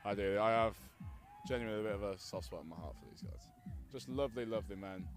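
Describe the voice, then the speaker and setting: A young man with a Yorkshire accent doing excitable, playful live rugby co-commentary from the side of a pitch. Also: fast talker, faint music behind.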